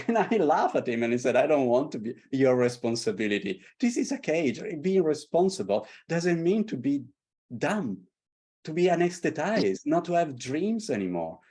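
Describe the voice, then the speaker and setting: Here a fairly high, slightly breathy male voice carries a strong Italian accent at a normal pace. The middle-aged Italian artist and tarot creator, based in London, passionately tells lively stories in casual conversation.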